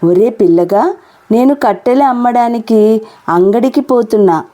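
Lady doing a poor old granny, fond and plain-spoken, soft mellow voice. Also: fairly high pitch, unhurried, close to an everyday voice. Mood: affectionate. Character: poor hardworking grandmother, elderly woman.

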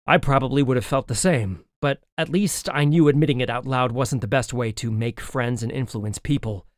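A man's voice: medium pitch, moderate pace, no echo, clean studio sound. A man reading a children's novel aloud as an audiobook in the first person, telling the story expressively. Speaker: audiobook narrator.

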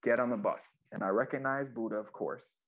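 A former music manager tells stories in a casual interview, loose and profane, full of fillers and acted-out quotes. His medium-pitched voice moves a little fast.

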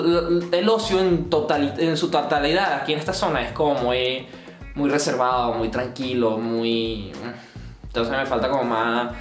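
A young man in his twenties with a Caracas Venezuelan Spanish accent vlogs casually to camera from his bedroom indoors. His medium-pitched voice has a roomy sound, and he rambles, restarts his sentences often, and gestures as he talks.

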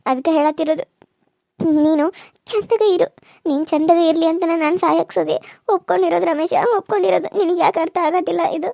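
A woman's voice: very high-pitched, fairly even intonation, vocal fry, mellow, dry recording, studio quality. A woman voicing a distressed young village wife in a cartoon serial, pleading and tearful. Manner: pleading, tearful, fast and pressing.

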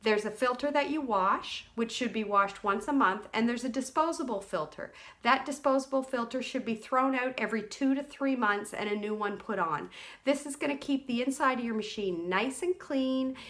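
A woman's voice: on the high side, normal speed, fairly bright tone. A woman in her forties, a sleep clinic educator, giving a casual, practical how-to demonstration from a small room, repeating key points for emphasis. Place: small indoor room, seated at desk.

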